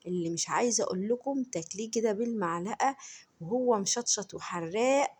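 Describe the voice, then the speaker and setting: Fast, husky Egyptian woman cooking host. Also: mid-range voice, a little mellow. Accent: Egyptian Arabic. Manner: chatty, addresses viewers directly as friends, enthusiastic food praise. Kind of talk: home cooking tutorial voice-over.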